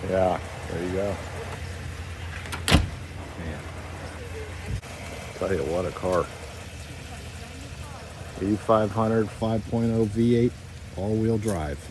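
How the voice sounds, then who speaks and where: Upbeat low-voiced garage vlogger. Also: male voice, steady tone, slow, long pauses, noisy background. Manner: upbeat, chatty commentary while showing cars. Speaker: car vlog host. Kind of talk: casual garage vlog narration.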